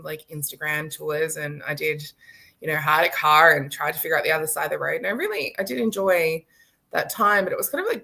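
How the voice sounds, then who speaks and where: Bright-voiced woman telling a lively story. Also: low-pitched, vocal fry. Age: late 30s. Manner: animated storyteller, laughing often, acting out quotes. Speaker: guest. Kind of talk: storytelling in a live-stream chat. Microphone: video call.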